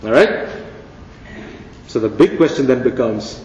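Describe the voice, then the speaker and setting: A man's voice: mid-range voice, a little slow, a little mellow, slight background noise. A man giving a conference keynote lecture, conversational and playful, with rhetorical questions. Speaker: keynote speaker. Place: large conference hall. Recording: dull, echoey hall recording from a distance.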